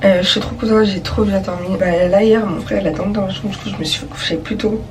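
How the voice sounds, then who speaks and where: A woman's voice: medium pitch, steady tone, fast talker, slight background noise, low-quality recording. A teenage girl chatting casually through her vlog, with many fillers and restarts. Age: teens. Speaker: vlogger.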